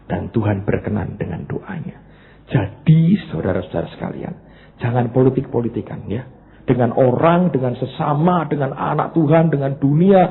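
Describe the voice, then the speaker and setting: A male pastor, preaching a sermon that jumps between loud, emphatic bursts and low, quiet asides. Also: gravelly. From Indonesia. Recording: tinny phone-like band, faint noise.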